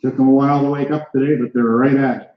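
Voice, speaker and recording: A man's voice: mid-range voice, little pitch movement, fast. An American man working as an auctioneer, calling a live auction with clipped, climbing numbers and repeated calls to bidders. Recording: echoey room, slightly dull sound.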